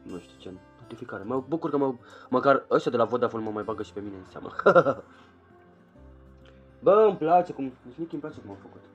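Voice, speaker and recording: A man's voice: medium pitch, animated, breathy edge, dull audio, faint music behind. A young man, chatting casually in a home vlog while scolding his child. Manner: chatty, rambling, scolding a child between remarks. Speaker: vlogger. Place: small bedroom at home.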